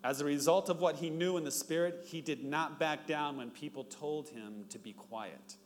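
A middle-aged man preaching a sermon, telling stories and acting out the dialogue in them. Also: moderate pace. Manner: storytelling, acts out dialogue with rising pitch. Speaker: pastor. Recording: long reverb, faint background noise.

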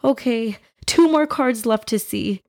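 A woman voicing an eager, excitable little first-grade boy in a children's story, full of exclamations. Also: fairly high pitch, unhurried, pitched above the performer's own voice. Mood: thrilled.

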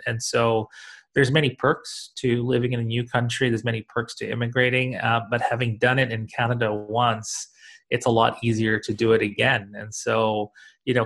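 A man's voice: mid-range voice, vocal fry. A man from Tanzania talking about his career as an interview guest, reflective and full of fillers and restarts. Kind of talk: casual interview talk.

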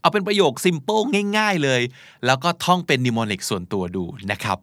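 A man teaching spelling in a relaxed, conversational way, with a pitch that rises and falls a lot. He spells words out letter by letter and explains each step patiently and politely. His voice sounds dry and close, with no room echo. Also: normal speed. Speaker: host teaching English spelling. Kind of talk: casual spoken lesson.

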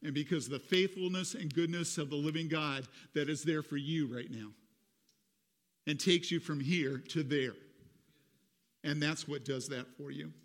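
A middle-aged man preaching a sermon as pastor, rising high and loud when retelling a story and dropping soft for personal asides. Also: moderate pace, long reverb tail.

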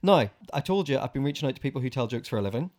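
A man's voice: medium pitch, expressive, racing, a little mellow. A man co-hosting a family podcast, cheerfully reading out listener messages and jokes. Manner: upbeat, reads out listener messages. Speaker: podcast co-host.

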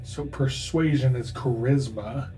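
A man's voice: mid-range voice, unhurried, dark tone, faint music behind, poor audio. A man chatting casually as a player in a tabletop role-playing game.

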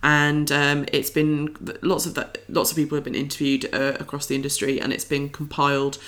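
A podcast co-host chats informally and enthusiastically in casual, unscripted talk. Her low-pitched voice is monotone and a bit bright, and she speaks briskly.

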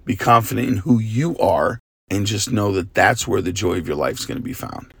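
A man's voice: fairly low pitch, animated, moderate pace, creaky, a bit bright, breathy edge. A male preacher with an exhausted, worn voice giving a casual, conversational and earnest devotional talk. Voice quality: tired, worn voice from much preaching. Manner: conversational, earnest, often asking "right?" and "you know". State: exhausted-sounding, tired voice.

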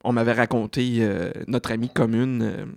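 A man's voice: medium pitch, steady tone, moderate pace, creaky, darkish tone, no echo, clean studio sound. Québécois male interviewer, chatty. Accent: Québécois French. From Quebec. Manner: long, looping questions with many fillers. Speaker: interviewer, host. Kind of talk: casual conversational interview.

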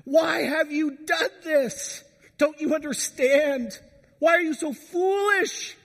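A man's voice: very high voice, slow pace, vocal fry, pitched above the performer's own voice, exaggerated voice. A man voicing a distraught mother who wails and pleads with her wayward teenager. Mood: anguished. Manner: pleading, wailing cries. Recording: long hall reverb.

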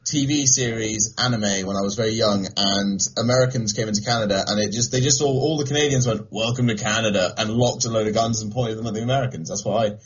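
A man's voice: lowish voice, quick pace, hardly any pauses, breathy edge, lo-fi sound. A young English man telling stories in a casual podcast chat, laughing often. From England. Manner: animated, laughing storyteller. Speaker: podcast guest, gaming video creator.

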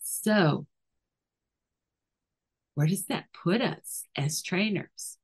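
A woman's voice: extremely slow, husky. A middle-aged woman dog trainer talking through training ideas and acting out little scenes. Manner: animated, acts out scenes with sudden high voices. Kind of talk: podcast monologue.

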